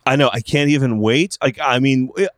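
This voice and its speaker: A man's voice: mid-range voice, steady tone, a little fast, no room sound, clean studio sound. Bubbly jokey male podcast host. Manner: bubbly, jokey, repeats catchphrases. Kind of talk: podcast interview.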